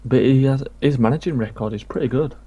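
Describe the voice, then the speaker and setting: A man from England talks casually about football while streaming a game, rambling from one point to the next. His voice is medium in pitch and mellow, and he speaks fast.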